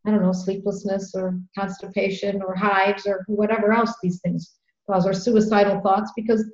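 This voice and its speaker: A woman's voice: mid-range voice, little pitch movement, moderate pace, a little mellow. A woman practitioner of homeopathy, talking earnestly in a conversational storytelling way, often repeating words. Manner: earnest, fillers, repeats words when emotional. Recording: echoey room, dull lo-fi sound.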